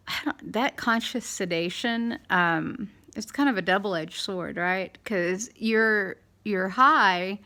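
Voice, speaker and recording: A middle-aged woman with a slight lisp, talking candidly in a halting, rambling way as in a casual video diary. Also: on the low side, pushed and bright, clean tone. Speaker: dental implant patient vlogger.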